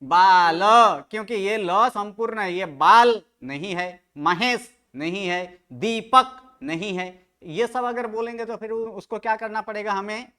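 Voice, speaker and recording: A man's voice: sits high, normal speed, hardly any pauses, a bit bright, smooth. A man teaching Sanskrit grammar to a study group, quizzing students with questions and correcting their pronunciation. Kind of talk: online study-group lecture.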